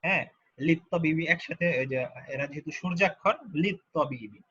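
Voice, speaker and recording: A man teaching Arabic grammar in a lesson, who patiently repeats each form slowly and asks the learners questions. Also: fairly high pitch, a bit bright, husky, muffled recording. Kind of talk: online grammar lesson explained in Bengali.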